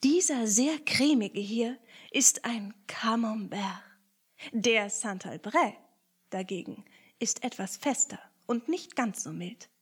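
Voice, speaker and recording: A woman voicing a polite male mouse who explains things in a hushed, courteous way. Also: on the high side, lively intonation, slow pace, breathy edge, heavily acted.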